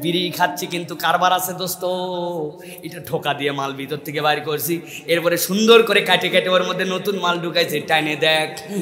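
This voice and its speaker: A man preaches in a high, sharp, ringing voice, acting out stories and breaking into shouted questions and sing-song chanting. His voice carries through a reverberant hall. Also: normal speed. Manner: dramatic storytelling, voicing characters and shouting rhetorical questions. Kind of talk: Bengali waz sermon.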